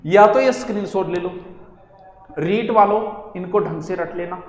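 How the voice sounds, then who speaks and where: High-voiced man teaching in an echoey hall. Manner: lively, asks and answers his own questions. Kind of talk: exam coaching lecture.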